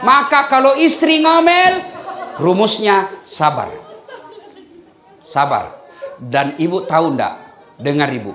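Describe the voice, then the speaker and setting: A man with a Makassar Indonesian accent delivers a humorous sermon, often checking in with his listeners through tag questions. His pitch rises and falls in lively swings, and the room adds a roomy echo. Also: slow pace, pauses often, a crowd in the background. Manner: jokey, addresses the audience with tag questions. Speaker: Islamic preacher.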